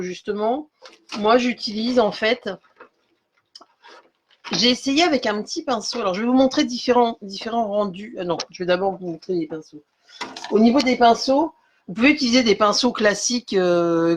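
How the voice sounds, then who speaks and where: Woman, live craft demo, chatty, lots of fillers, mid-pitched voice, greets viewers by name. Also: slight background noise. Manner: chatty, explains step by step with many fillers; greets and thanks viewers by name as she works. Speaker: craft demonstrator. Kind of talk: live-streamed craft tutorial.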